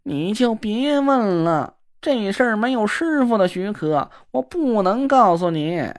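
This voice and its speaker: A woman voicing an effeminate, fawning and sly young man, talking in a wheedling, drawn-out sing-song way. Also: mid-range voice, lively intonation, lightly acted. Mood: evasive. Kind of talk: audiobook character voice.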